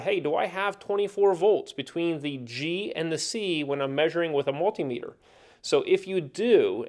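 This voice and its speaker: Man explaining HVAC repair steps, slightly high. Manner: plain, practical, steady explaining with fillers. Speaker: HVAC instructor. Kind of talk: technical training explanation. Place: indoor training room with whiteboard.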